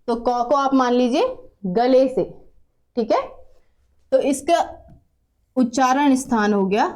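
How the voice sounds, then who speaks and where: Patient Hindi teacher, woman, high voice. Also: a little mellow. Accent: Uttarakhand Hindi. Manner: explains patiently, repeats sounds and asks students to try them. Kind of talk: classroom lesson.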